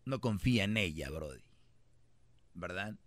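A man's voice: low-pitched, expressive, measured pace, a bit bright, no room sound, clean studio sound. A man with a Mexican accent hosting a call-in radio advice show, blunt and teasing in a preachy way. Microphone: studio microphone.

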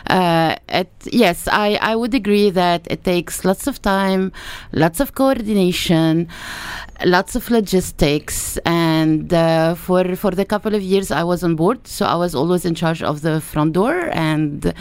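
A woman talks as a guest in a conversational interview. Her voice sits a little low, and the sound is dry with very little room around it. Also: unhurried, clear, resonant tone, no room sound. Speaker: interview guest, festival front-of-house veteran and scriptwriter.

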